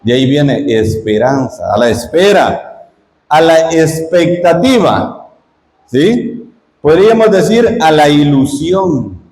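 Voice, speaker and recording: A man's voice: on the high side, lively intonation, takes it slowly, a little mellow. A middle-aged man from Guatemala, a lay missionary giving a parish retreat talk in a conversational, teaching way, asking the audience questions. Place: church hall. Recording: echoey parish hall.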